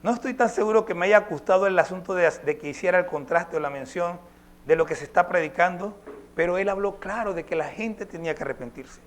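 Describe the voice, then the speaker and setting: A man's voice: high-pitched, fairly quick, slight background noise. A male pastor preaching a sermon, emphatic and posing rhetorical questions to his congregation.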